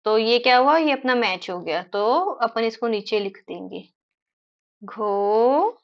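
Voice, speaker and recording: Lady teaching little kids phonics, drawn-out words, keeps asking "right?", slightly high voice, kinda dull lo-fi sound. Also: creaky. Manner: slow, stretched-out repetition of words; frequent tag questions to children. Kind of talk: children's phonics lesson.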